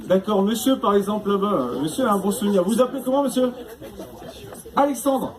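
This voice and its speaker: High-voiced man teasing a live crowd. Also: fairly quick. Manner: chatty, teasing the audience, constant tag questions. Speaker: stand-up comedian. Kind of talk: live stand-up comedy with crowd work. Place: stage before a live audience. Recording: noisy live room.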